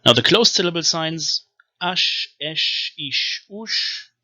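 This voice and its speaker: A man's voice: on the high side, animated, sharp tone, lo-fi sound. A man giving an explanatory video lecture on reading an ancient script, carefully sounding out one syllable after another. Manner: slowly spells out syllables one by one. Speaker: language teacher.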